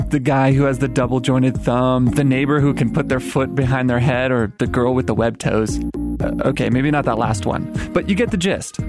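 A man hosting a story show, presenting from a script in a playful, theatrical way. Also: mid-range voice. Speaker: show host. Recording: voice over a clear music bed. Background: background music.

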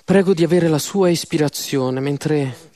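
A man interpreting a church sermon in an earnest, measured way with slow pauses. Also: on the high side, mellow.

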